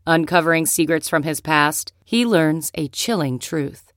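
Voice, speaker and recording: A woman reading a scripted ad in a slow, dramatic way. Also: deep voice, no room sound, studio quality. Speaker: ad announcer. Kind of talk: scripted ad read.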